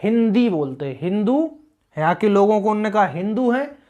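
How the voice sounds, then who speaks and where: A man's voice: sits high, animated, fairly quick, a little mellow, highs cut off. A man teaching an exam-prep grammar lesson, patient and explanatory, repeating key points with many check-ins to the viewer.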